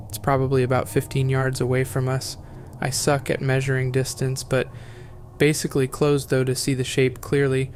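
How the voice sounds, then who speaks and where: A man narrates horror stories in an almost completely level, droning delivery at a middling pitch. It is a scripted reading with no rise or fall in the telling. A steady hiss of background noise runs under the voice.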